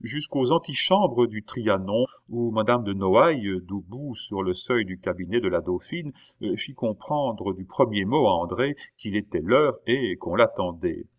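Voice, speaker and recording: A man's voice: on the low side, lively intonation, dull audio. Man narrating a classic novel. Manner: measured reading with occasional hesitations. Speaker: audiobook narrator. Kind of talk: literary audiobook narration.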